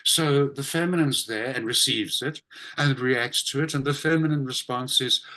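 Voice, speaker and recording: Bright-voiced man telling vivid anecdotes. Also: medium pitch, moderate pace, poor audio. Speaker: spiritual teacher and guest. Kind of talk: conversational storytelling.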